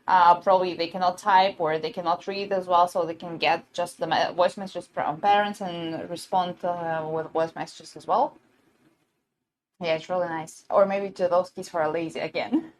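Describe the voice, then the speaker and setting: A woman's voice: on the low side, slight background noise. Chatty giggly woman selling gadgets live. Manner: chatty, giggly, many fillers and restarts. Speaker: livestream seller. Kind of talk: casual live-stream product demo.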